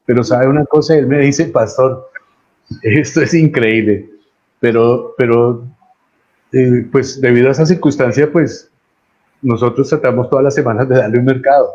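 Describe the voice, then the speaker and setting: A man's voice: mid-range voice, fairly even intonation, moderate pace, dark tone, dull audio. A man with a Colombian accent, a pastor preaching a sermon earnestly and repeating key phrases for emphasis.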